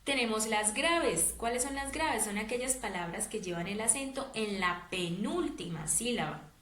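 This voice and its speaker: A woman's voice: on the high side, normal speed, a bit bright. A woman teacher giving a patient grammar lesson for young pupils, often checking in with short tag questions. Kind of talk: classroom grammar explanation. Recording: echoey room.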